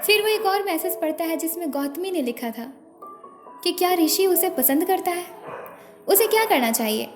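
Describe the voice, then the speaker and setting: High-voiced woman narrating a story. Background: background music.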